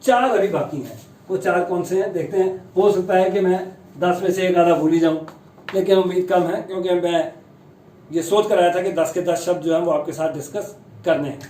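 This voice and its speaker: A man teaching the pronunciation of long English words, chatty and self-deprecating, slowly sounding out each word. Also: high-pitched, darkish tone, reverberant, recorded from a distance, slight background noise, rough recording. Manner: slow, careful spelling-out of long English words. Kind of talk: Hindi-language pronunciation lesson.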